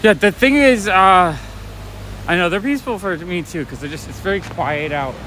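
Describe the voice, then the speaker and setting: A fairly high-voiced man tells stories in a loose, chatty way as he walks city streets late at night. Faint traffic and urban hum sit behind his voice, picked up by the phone he carries. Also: moderate pace, bright, forceful tone. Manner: chatty, storytelling, talking to live chat. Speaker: vlogger and comic shop owner. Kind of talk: casual chat while walking. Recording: light street noise, traffic.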